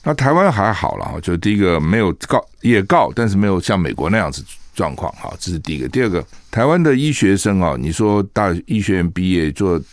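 A man's voice: low voice, big pitch swings, brisk, hardly any pauses, dry recording. A man hosting a radio talk show, giving a chatty opinion monologue full of rhetorical asides and tag questions in a studio.

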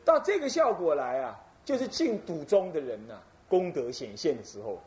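A man's voice: on the high side, very animated, moderate pace, a little mellow. A man from Taiwan, an abbot giving a folksy Buddhist sermon and demonstrating chanting.

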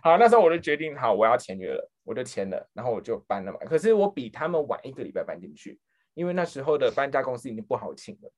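A man's voice: mid-range voice, big pitch swings, quick pace, darkish tone. A young man casually telling a story as a podcast host, acting out quotes and laughing often. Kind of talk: casual chat.

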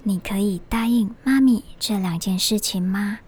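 A woman voicing a loving mother in a children's story, gently and patiently explaining in a hushed voice. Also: medium pitch, moderate pace, husky, lightly acted. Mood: gentle. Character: loving, caring mother of a little girl.

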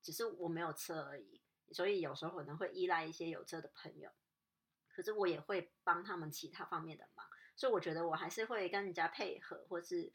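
A young woman recounts a personal story in a relaxed, rambling way. Her voice sits somewhat low for a woman. She often stops, restarts and fills pauses as she talks. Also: husky. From Hong Kong. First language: Cantonese. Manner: hesitant, many restarts and fillers, chatty.

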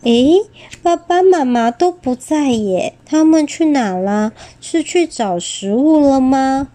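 A woman's voice: sits high, animated, slow pace, mellow. A woman voicing a small, kind, timid male pterosaur in a storybook reading, stammering when flustered. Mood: puzzled.

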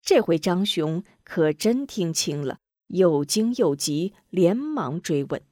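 A woman narrating a martial-arts tale in a measured, dramatic storytelling manner. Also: fairly low pitch, animated, mellow, no echo, studio quality.

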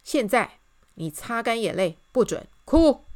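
A woman's voice: very high voice, very animated, moderate pace, pitched above the performer's own voice. A woman voicing a giggly, cheerful young woman. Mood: coaxing. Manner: giggling, bubbly, coaxing.

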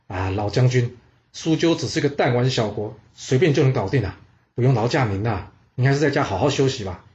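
A man's voice: mid-range voice, expressive, brisk, darkish tone, muffled recording, lightly acted. Man playing a cautious chief minister. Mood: reasoning.

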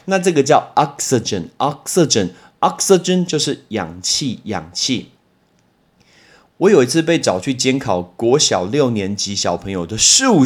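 Man with a Taiwanese Mandarin accent. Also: medium pitch. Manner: slows down to repeat and spell English words; storytelling with lively exclamations. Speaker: English teacher and podcast host. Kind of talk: casual vocabulary lesson with anecdotes.

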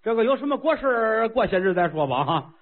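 A man's voice: very animated, quick pace. A man voicing an impatient, girl-crazy ancient king who pleads and whines eagerly. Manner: eager, whiny, high-pitched pleading. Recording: tinny lo-fi phone-like sound.

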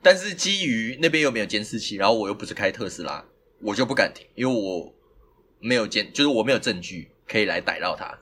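Lively Taiwanese Mandarin man, laughing storyteller. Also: fairly low pitch, fast talker, a little hiss or hum. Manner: animated, laughs often while telling a story. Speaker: podcast host. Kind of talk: casual storytelling chat.

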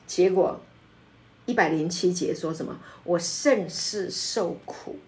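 Woman pastor, Bible study teacher, lowish voice, emphatic delivery, lots of fillers. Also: slow. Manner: emphatic, animated, many filler sounds; laughs often while explaining.

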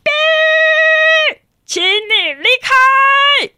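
A woman voicing a bold red whistle superhero from a children's storybook, who shouts commands. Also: very high-pitched, animated, extremely slow, soft background music, voice pushed up, full character voice. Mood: commanding.

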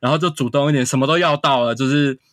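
A man's voice: mid-range voice, fast talker, no room sound, studio quality. A man, a guest casually telling a long story full of quoted dialogue. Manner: animated anecdote-telling with quoted dialogue and frequent "然后".

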